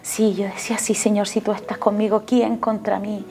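A woman's voice: mid-range voice, little pitch movement, normal speed, darkish tone, a little hiss or hum. A woman with a Chilean accent giving an emotional faith testimony in a TV interview, earnestly turning to speak to the pastor again and again. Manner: earnest, keeps addressing the pastor directly.

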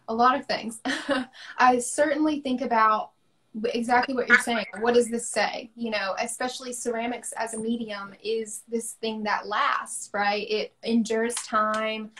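A woman's voice: a little high, level tone, a little slow, fairly bright tone, a little hiss or hum. A young woman from the American South, an artist talking thoughtfully about her work over a video call, with frequent ums. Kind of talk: casual conversation on a livestream.

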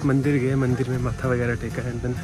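A man's voice: medium pitch, level tone, a little fast, music in the background. A man in his twenties talking casually to viewers while filming himself outdoors on a hillside. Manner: chatty, addresses viewers as bhai. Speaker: vlogger. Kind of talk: casual travel vlog. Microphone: phone camera at arm's length.

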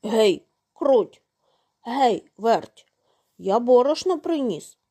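A woman voicing a hardworking, patient little rooster in a storybook tale, calling out loudly and asking pointed questions. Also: on the high side, sing-song, measured pace. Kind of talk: storybook character voice.

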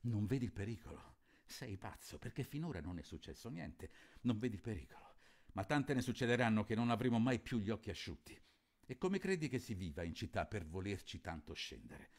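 A man's voice: on the low side, lightly acted. A man reading as a stern, anxious father. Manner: urgent, reproachful warnings. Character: stern, anxious middle-aged father scolding his son.

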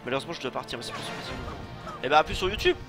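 Animated young man commenting gameplay. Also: mid-range voice, racing. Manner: joking, animated, swears, talks to chat. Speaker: let's play streamer. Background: game music.

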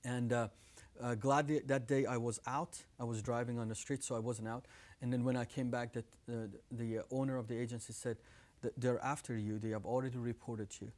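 Seated on a living-room-style TV set, an Iranian man in his thirties, a native Farsi speaker with an Iranian accent, tells his story earnestly into a lapel mic, his hands moving as he talks. His mid-range voice is slightly mellow, with a flat delivery and a fairly quick pace.

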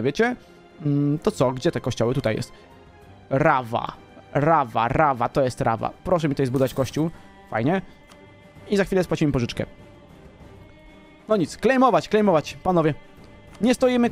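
A man's voice: a little high, darkish tone. Guy streaming a strategy game, bragging and joking, voice all over the place, bit of music behind. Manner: boastful, playful, talks to the viewers. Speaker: gaming commentator. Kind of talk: casual let's-play commentary.

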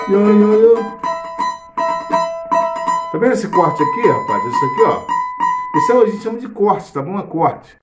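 Chatty Brazilian cavaquinho teacher, echoey room. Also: male voice, a little high. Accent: Brazilian Portuguese. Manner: chatty, explains theory while playing, hums and sings snippets. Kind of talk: casual live music lesson.

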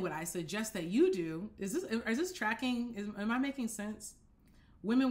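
A young woman hosting a casual dating-advice talk from her apartment, speaking straight to the camera, animated and direct, often checking that listeners follow. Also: mid-range voice. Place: apartment living room, indoors.

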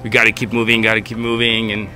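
A man co-hosting a sailing vlog, talking relaxed and rambling while out on a catamaran. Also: lowish voice, quick pace. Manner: relaxed, rambling, laughs easily. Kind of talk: casual vlog chat. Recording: with music underneath.

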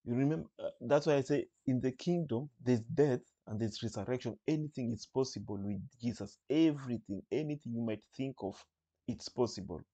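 A male preacher teaching from the Bible, reading verses aloud and slowly repeating phrases to explain them. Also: medium pitch, mellow. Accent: Kenyan.

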